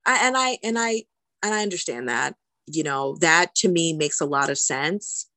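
A woman with a slightly low voice talks as a podcast guest in a close, dry-sounding setting. Her delivery is casual and conversational, explaining her points as she goes. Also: expressive, normal speed, bright, forceful tone, dry recording. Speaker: podcast guest, healthcare lawyer. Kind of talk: casual interview chat.

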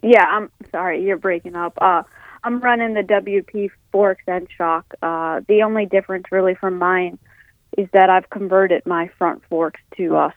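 A young woman answering interview questions over the phone, halting and full of fillers, on a tinny phone line. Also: on the low side, fairly even intonation, no echo. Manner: halting, filler-heavy speech. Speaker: racing guest.

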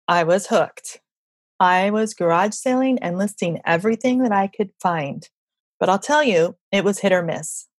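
Husky middle-aged woman telling a story. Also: on the low side, no echo. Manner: chatty, conversational, animated storyteller. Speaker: guest podcast host. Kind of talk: casual storytelling monologue.

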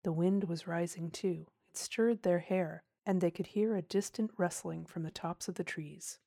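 A woman giving a measured, expressive audiobook narration of a storybook. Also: on the low side, creaky, dry recording, clean studio sound.

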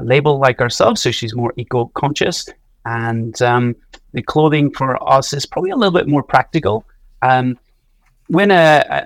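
A man with a blended Donegal Irish accent, giving measured, explanatory answers as an interview guest. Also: mid-range voice, no echo. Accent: Irish, from Donegal, blended with a second accent. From Donegal, northwest Ireland. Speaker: interview guest, clothing brand co-founder.

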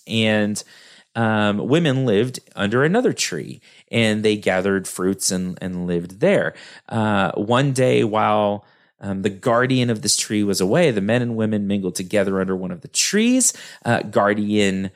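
A man with a West Texas drawl giving an informal talk in a halting, conversational way. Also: lowish voice. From West Texas, United States. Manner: halting, conversational, self-deprecating asides. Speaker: lecturer.

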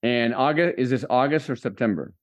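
Fairly quick and mid-range in pitch, this man hosts a faith-focused podcast interview. He cheers on his audience with the fervor of a preacher.

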